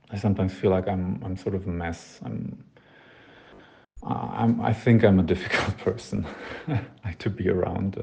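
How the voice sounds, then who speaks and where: A man's voice: deep voice, creaky. A man in his late twenties with a German accent, leaving a long, rambling, hesitant voice message full of fillers and self-deprecating laughs. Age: 20s. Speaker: voicemail sender. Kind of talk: casual voice message.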